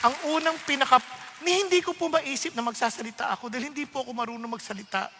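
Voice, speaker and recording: A man preaching a sermon, telling his own story in an animated way and acting out what others said. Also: very high-pitched, fast talker, long reverb tail, slight background noise. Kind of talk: sermon testimony.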